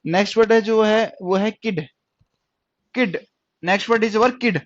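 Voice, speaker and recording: A man teaching stenography in an online lesson, explaining step by step and repeating words and sounds slowly. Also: high voice, no echo. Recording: dry, dull lo-fi sound.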